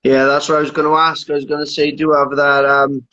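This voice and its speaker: A man's voice: fairly high pitch, little pitch movement, quick pace, sharp tone. A man interviewing a guest casually, asking friendly questions and putting in short affirmations. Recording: dull lo-fi audio.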